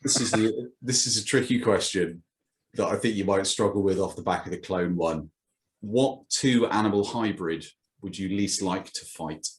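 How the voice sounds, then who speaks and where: A man's voice: sits low, normal speed. A man hosting a casual comedy chat, telling stories and asking questions in a dry, wry way. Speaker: podcast host.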